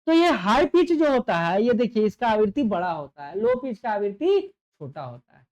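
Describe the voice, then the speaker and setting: A man's voice: sits high, sing-song, normal speed, highs cut off. A man teaching an exam-prep lecture, repeating key points and checking understanding with rhetorical questions. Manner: gets louder and softer to demonstrate sound.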